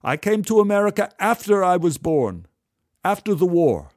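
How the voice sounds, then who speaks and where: A man voicing a confused elderly male warehouse worker, high and slow, drifting in his replies. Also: very animated, darkish tone, dry recording, studio quality. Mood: bewildered. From Poland. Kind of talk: storytelling.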